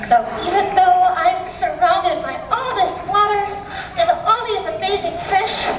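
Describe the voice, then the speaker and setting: A woman diver in an aquarium tank giving a clear, friendly educational talk through her full face dive mask microphone, her voice played over loudspeakers. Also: very high voice, measured pace, muffled recording. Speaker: aquarium diver presenting to visitors. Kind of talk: educational presentation. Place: underwater in an aquarium tank, heard in a public hall. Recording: echoey loudspeaker heard from far off in a public hall. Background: noisy ambience.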